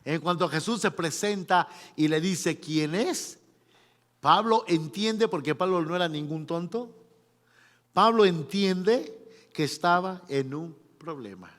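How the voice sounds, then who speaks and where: A man preaching a sermon, animated, acting out quotes and laughing often. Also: fairly high pitch, measured pace. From Mexico. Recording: long reverberant hall.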